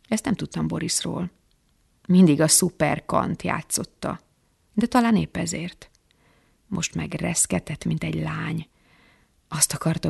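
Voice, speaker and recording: A reader performing literary prose in a hushed voice that often sinks to a whisper. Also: mid-range voice, vocal fry, husky.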